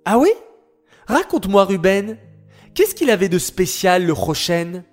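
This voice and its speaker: A man voicing an eager, curious young boy who asks excited questions in a children's story. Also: high voice, a little slow, soft background music.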